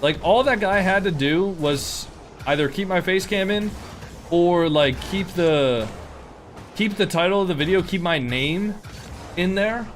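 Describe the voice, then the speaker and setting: Young man, game streamer, loose filler-heavy chat, a touch high-pitched. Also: a little slow, slight background noise. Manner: rambling, filler-heavy, indignant. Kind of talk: casual live-stream chat.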